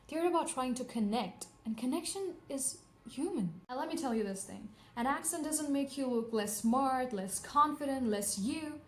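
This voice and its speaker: A woman's voice: a little high, darkish tone. A woman vlogger talking earnestly and conversationally to the camera, encouraging her viewers. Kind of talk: reflective monologue to camera. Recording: echoey room with faint background noise.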